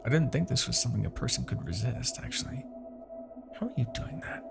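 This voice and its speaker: Over loud music, a man with a husky, gravelly mid-range voice plays an arrogant, possessive demon king obsessed with a captive hero in a theatrical ASMR fantasy roleplay. His dramatic monologue swings widely in pitch, strained and determined, moving deliberately from murmurs to outbursts.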